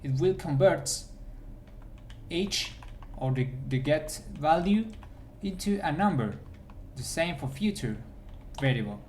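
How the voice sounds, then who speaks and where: Male coding instructor, unhurried screencast delivery with a faint hum under the voice. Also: a little high, lively intonation, a little mellow. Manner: thinks aloud while typing, with restarts. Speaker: programming instructor. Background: keyboard typing.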